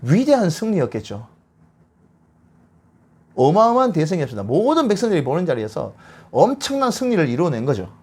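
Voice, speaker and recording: A man giving a bible lecture, retelling scripture as a lively story and acting out the quotes. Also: on the high side, brisk, pauses often, slightly rough.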